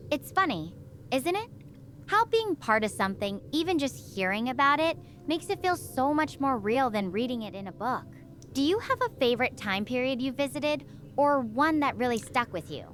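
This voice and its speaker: A synthetic female voice plays a young astrophysics researcher stranded in space, curious, chatty and constantly asking questions. Her delivery is high-pitched with big swings in pitch, at normal speed and a bit bright, over slight background noise.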